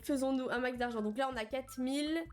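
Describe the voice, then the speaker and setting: A woman's voice: high voice, fairly quick, darkish tone. A young woman streamer chatting casually and slangily with her viewers while she plays, answering their messages as they come in. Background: faint game music.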